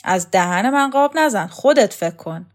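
A woman's voice: mid-range voice, expressive, natural voice. A woman voicing a blunt, domineering woman who barks and scolds in an audiobook. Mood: scolding. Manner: barking, scolding. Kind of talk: audiobook character voice.

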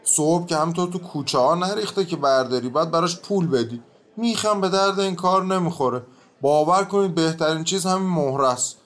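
A man voices a stubborn old-world peasant facing a judge, evasive and set in his ways. His voice sits a little high, and he grumbles and mumbles his answers in rustic talk. It is a radio drama. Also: a bit bright, lightly acted.

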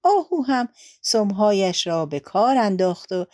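Expressive woman narrating a fable. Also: medium pitch, dry recording. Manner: expressive, lilting. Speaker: storyteller. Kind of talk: children's story narration. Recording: dry voice with soft background music.

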